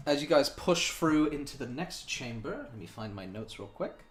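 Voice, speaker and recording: A man narrating as game master of a tabletop game over voice chat, relaxed and quick to laugh. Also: mid-range voice, echoey room.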